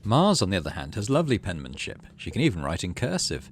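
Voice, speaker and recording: A gaming channel host reads the game's text aloud and muses casually to himself while playing, thinking aloud and murmuring. His low voice swoops wildly in pitch at a quick pace, with slight background noise.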